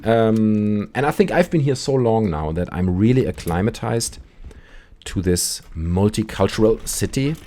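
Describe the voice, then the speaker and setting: A man's voice: lowish voice, lively intonation, a little slow, mellow. A man in his thirties with a German accent, German-born, hosting a call-in show and chatting while playing a video game, often breaking off mid-sentence to react to the game.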